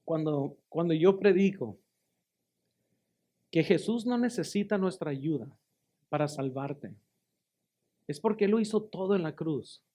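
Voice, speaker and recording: A male pastor preaches a testimony sermon, with a voice pitched a little above the usual man's. He tells his story with emphasis, calls his listeners brothers, and doubles back on phrases to stress them. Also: lively intonation, a little slow, long pauses, mellow. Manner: repeats and restarts phrases for emphasis.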